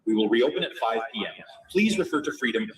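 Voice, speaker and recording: A man making a formal, repetitive public announcement over an outdoor loudspeaker at a fairground. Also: medium pitch, expressive, fast talker. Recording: distant loudspeaker heard from far off.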